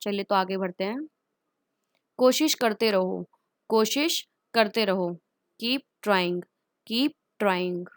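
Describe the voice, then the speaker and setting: A woman with an Indian accent teaching everyday English phrases. She says each phrase twice, very slowly, then explains it quickly. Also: mid-range voice, no echo. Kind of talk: spoken English lesson.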